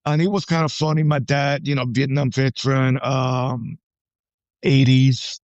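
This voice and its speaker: This muffled, echo-free clip features a podcast guest in his forties, an army veteran from Puerto Rico, talking casually about personal matters. He speaks at a medium pitch with little variation, pausing haltingly, repeating words and often asking "right?".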